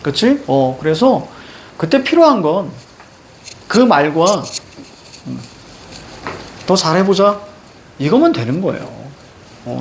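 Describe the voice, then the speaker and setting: Animated, chatty male teacher. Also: fairly high pitch, slight background noise. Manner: animated, chatty, addresses students directly. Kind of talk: classroom lecture, reading a novel.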